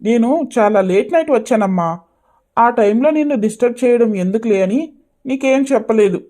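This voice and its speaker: A man voicing an easygoing young husband and son in a cartoon story, gently teasing. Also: very high-pitched, expressive, moderate pace.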